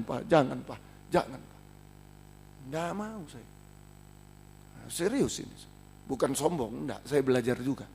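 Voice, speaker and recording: A middle-aged man preaching a sermon in a high, husky voice. His pitch leaps and falls all the time. He swings from loud emphatic outbursts to hushed asides. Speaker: pastor.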